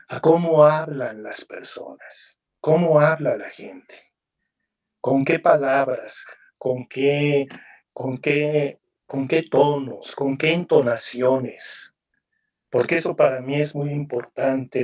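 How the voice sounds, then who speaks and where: A man's voice: mid-range voice, darkish tone, distant mic, dull audio. A man speaking as a novelist at a literary panel, in a reflective, musing way with frequent tag questions. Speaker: novelist guest presenting his book. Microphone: video call.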